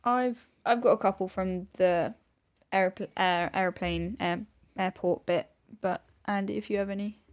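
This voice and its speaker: A woman's voice: medium pitch, steady tone, unhurried, few pauses. A woman with a mid-range voice chats casually on a film podcast. She is easygoing and laughs readily as she recalls favourite moments. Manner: chatty, laughs easily. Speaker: podcast co-host.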